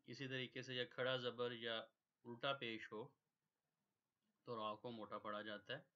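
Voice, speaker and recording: A man with a bright, forceful voice gives a tajweed lesson and explains each rule patiently, step by step. He mixes English words into his teaching. The recording sounds dull and lo-fi. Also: medium pitch. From Pakistan. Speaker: Quran recitation teacher.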